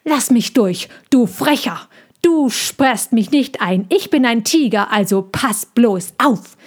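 A woman reading a storybook aloud, voicing a small, cheeky and touchy boy tiger cub in a high, bright voice that pleads or hisses. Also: unhurried. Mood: defiant.

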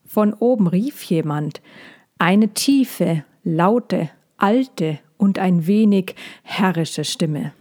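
A woman narrating a children's fantasy story in a slow, soothing reading. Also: lowish voice, darkish tone.

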